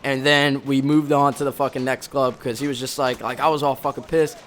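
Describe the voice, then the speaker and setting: A man's voice: medium pitch, flat delivery, a little fast, fairly bright tone. A young man from the Bronx, a former Marine, telling a rambling, profanity-heavy story in casual chat over gameplay, often correcting himself mid-sentence. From the Bronx, New York. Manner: rambling, heavy swearing, frequent self-corrections.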